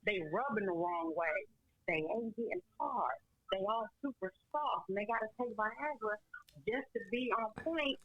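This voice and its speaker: A woman's voice: on the high side, expressive, normal speed, no echo, muffled recording. A middle-aged woman calling in to a talk show over the phone, speaking bluntly and outspokenly about her complaints. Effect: heard over the phone. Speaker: caller. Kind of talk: call-in radio talk.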